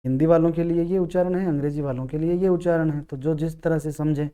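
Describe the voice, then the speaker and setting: A man teaching English grammar, explaining patiently, repeating key words and sounding out vowels slowly. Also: a little high, fairly even intonation, warm tone, clean tone. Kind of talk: classroom-style explanation.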